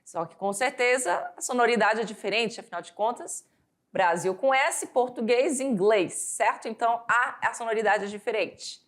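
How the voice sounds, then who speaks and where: A Brazilian woman teaching English vocabulary, slowly drilling words for students to repeat after her. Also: on the high side, a bit bright. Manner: slow, drawn-out word drills for students to repeat. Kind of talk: recorded classroom lesson.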